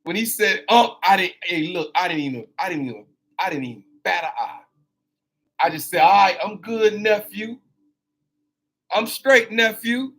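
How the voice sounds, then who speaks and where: Speaking at a moderate pace in a high, fairly bright, animated voice, a host in his fifties delivers a motivational talk. He repeats phrases for emphasis, preaches with energy, and talks straight to his audience.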